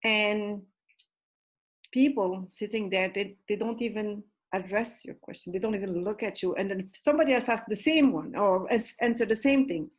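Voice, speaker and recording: Woman from algeria, husky voice, earnest, halting, repeats herself, casual discussion. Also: medium pitch, rough recording. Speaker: panel moderator.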